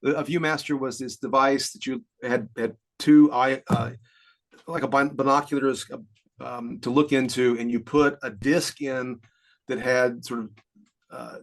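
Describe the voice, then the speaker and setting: A man in his fifties co-hosts a podcast in a mid-range voice, keeping his intonation fairly even and his speed normal. His casual chat wanders and explains, broken up by frequent chuckles.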